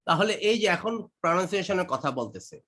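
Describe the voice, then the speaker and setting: A woman with a Bangladeshi Bengali accent teaching an online English class for children. She drills words slowly and sets right and wrong pronunciations side by side. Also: on the low side, very animated, a bit bright. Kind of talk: online kids' class, call-and-response drilling.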